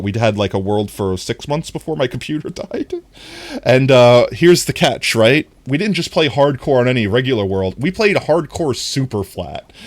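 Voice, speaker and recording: A man's voice: medium pitch, dry recording. A man streaming live and chatting casually with his viewers, rambling earnestly with lots of restarts and frequent laughter. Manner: laughs often between sentences.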